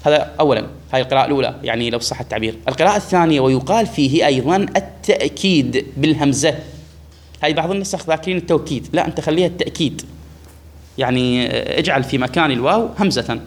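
A man with a mid-range voice talks very fast while teaching a class a grammar lesson that explains a text. He repeats key words and puts questions to his students.

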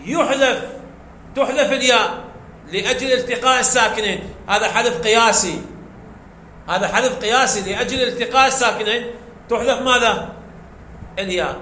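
A man's voice: very high voice, brisk, long pauses, pushed and bright. A man teaching a grammar lesson, explaining step by step and quizzing his class with questions he answers himself. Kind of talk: classroom lecture. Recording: echoey room, faint background noise.

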